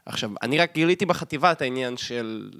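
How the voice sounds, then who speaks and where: A man's voice: medium pitch, animated, a bit bright, clear, resonant tone, no echo, clean studio sound. An Israeli man in casual podcast conversation as a co-host, talking colloquially and insistently, often repeating himself for emphasis.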